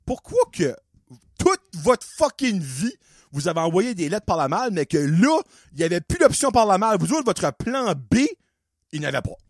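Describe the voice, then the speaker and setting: Acadian male podcaster, high lively voice, swearing sarcastic rant, dry mic. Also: normal speed, no echo. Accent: Acadian French. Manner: profane, sarcastic and exasperated. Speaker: podcast host. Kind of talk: casual comedic rant.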